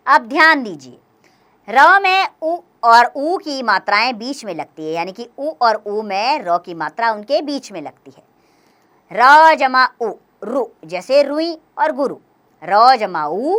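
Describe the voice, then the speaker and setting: A woman teaching a grammar lesson for young children, explaining slowly and clearly, step by step. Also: a little high, fairly bright tone.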